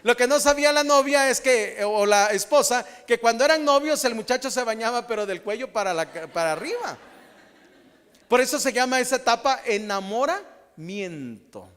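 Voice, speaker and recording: High-voiced pastor in a reverberant hall. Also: male voice, normal speed, clear, resonant tone. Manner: animated, humorous preaching with acted-out quotes. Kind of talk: sermon.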